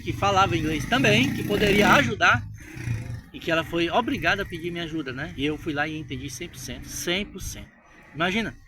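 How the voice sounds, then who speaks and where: A Brazilian man telling a story to his viewers in a casual vlog, animated and chatty, often checking in with them. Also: a little high, background noise. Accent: Brazilian Portuguese. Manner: animated, addresses viewers directly with frequent tag questions. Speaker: English-learning vlogger.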